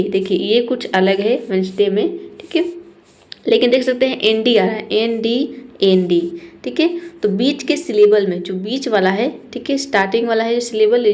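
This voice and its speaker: A woman's voice: medium pitch, darkish tone. Patient Indian woman teaching pronunciation. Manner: patient, repeats each word and keeps checking in. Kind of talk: explaining word meanings in Hindi.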